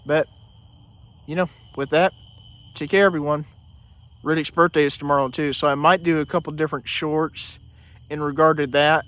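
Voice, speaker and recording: Man, casual vlog, rambling with fillers, slightly high voice, outdoors, crickets in background. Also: fairly even intonation, normal speed, long pauses, a bit bright. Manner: rambling, many fillers and restarts. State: a little out of breath. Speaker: vlogger.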